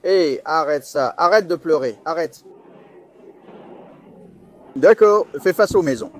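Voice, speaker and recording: A man voicing a police officer in dubbed bodycam dialogue, with a fairly high and lively voice. He gives firm, commanding instructions. Faint noise sits behind him. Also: slow pace.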